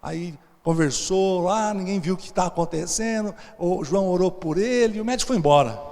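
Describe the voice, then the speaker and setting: Brazilian pastor guy preaching, kinda high voice, chatty, lots of hall echo. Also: a little fast, a little mellow. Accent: Brazilian Portuguese. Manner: conversational, asks the audience questions often. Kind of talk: storytelling sermon. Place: church service.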